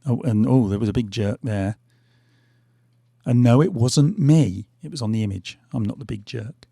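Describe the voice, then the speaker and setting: A middle-aged gaming channel host who is losing his voice rambles through casual gameplay commentary, full of fillers and restarts. His mid-range voice is gravelly and mellow with a breathy edge, at a moderate pace. Wearing headphones at a desk mic, he sounds dry and clean, like a studio.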